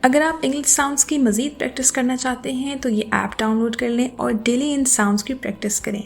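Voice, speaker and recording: Woman, pronunciation teacher, scripted lesson, clear careful demonstrations, higher voice. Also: fairly even intonation. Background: soft background music.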